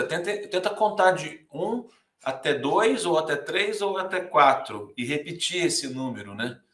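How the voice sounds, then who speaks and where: A man's voice: mid-range voice, a bit bright. A Brazilian man teaching a music class, talking to students casually and counting beats aloud. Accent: Brazilian Portuguese. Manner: talks to students directly with many "né, gente", sings and counts beats aloud. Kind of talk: casual recorded lecture. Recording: echoey room.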